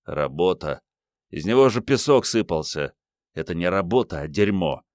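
A man reading a curt, gruff squad leader. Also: deep voice, animated, normal speed, a little mellow, no room sound, studio quality.

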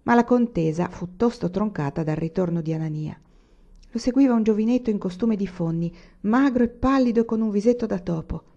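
A woman reading a literary novel aloud as an audiobook, measured and expressive. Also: mid-range voice, highs cut off. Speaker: audiobook reader.

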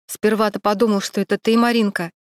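Steady, reassuring young man at work, voiced by a woman reader. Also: medium pitch, brisk, no room sound, clean studio sound, close to an everyday voice. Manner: steady and soothing. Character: calm, reassuring male camera operator.

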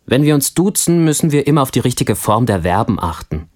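A friendly young family man in a language course, played by a man answers his classmate's questions in a scripted textbook dialogue. His voice is mid-pitched, and his delivery is calm and clear. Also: brisk. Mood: friendly, relaxed.

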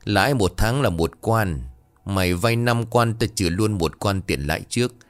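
Guy reading as a mean old lender, deep gruff voice, bossy and sneering, storybook style. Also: animated, normal speed, soft background music, lightly acted. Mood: domineering. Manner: gruff, scornful and threatening. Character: greedy, harsh old village money-lender man.

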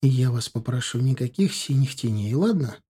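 A man voicing a calm, level-headed young bride who speaks soothingly. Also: medium pitch, normal speed, breathy edge.

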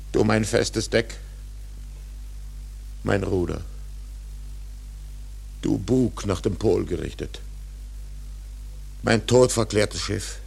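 Radio drama: vengeful old whaling captain, husky and gravelly, forceful solemn declamation, proud and doomed. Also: male voice, fairly low pitch, exaggerated voice. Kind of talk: German radio play acting.

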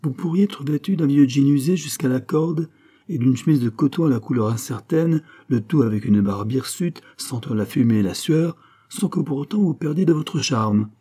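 Male reader voicing a teasing blonde woman with an accent, pitched up, husky. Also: lively intonation, normal speed, dark tone, close to an everyday voice. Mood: playful. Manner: playful, teasing, lightly raised voice.

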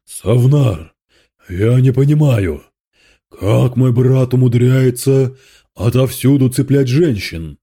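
A man's voice: mid-range voice, slow pace, dark tone, breathy edge. A man reading aloud, voicing a spiteful male demon lord who hisses and gloats with scorn. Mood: menacing.

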